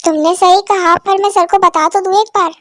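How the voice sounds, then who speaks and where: A woman voicing a polite young male office worker who tries to calm things down in a fan dub. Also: extremely high pitch, a little fast, no room sound. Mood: placating. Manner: placating, polite.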